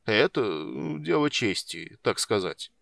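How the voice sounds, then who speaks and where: A man's voice: lowish voice, very animated, unhurried, creaky, a bit bright, no room sound, exaggerated voice. Man voicing Dugan, a sheepish gambling dwarf. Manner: rambling, sheepish excuses. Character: sly gambling male dwarf, sheepish and chatty.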